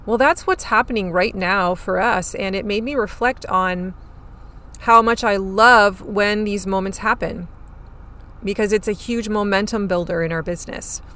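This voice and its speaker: A woman hosts a solo podcast about farm marketing, chewing gum as she talks in a cheerful, chatty way. Her voice is mid-range and slightly hoarse and scratchy, with a fairly bright tone and a normal speaking speed.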